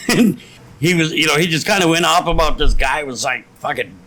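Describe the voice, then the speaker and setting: A man's voice: fairly high pitch, moderate pace, pushed and bright, poor audio. A man co-hosting a casual podcast, telling stories with lots of swearing and laughter. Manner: profane storytelling, laughs a lot. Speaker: podcast co-host. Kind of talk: casual drinking-podcast chat.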